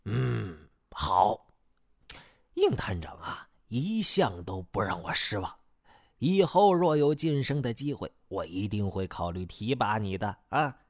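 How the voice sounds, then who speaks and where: Man voicing a pompous police chief, smug drawl, low. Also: sing-song, exaggerated voice. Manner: smug, officious, drawn-out speech.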